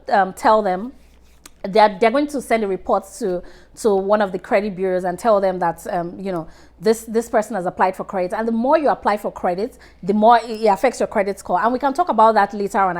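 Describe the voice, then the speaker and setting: A woman giving casual money advice to camera in a direct, chatty way, often restarting her sentences and calling on viewers by name. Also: mid-range voice. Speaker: personal finance vlogger.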